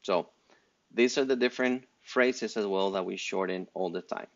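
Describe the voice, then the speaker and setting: A man's voice: low voice, normal speed, muffled recording. A man from Mexico with a Mexican accent, giving a loose, unscripted Spanish lesson with many restarts and fillers. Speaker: Spanish teacher. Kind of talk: casual spoken language lesson.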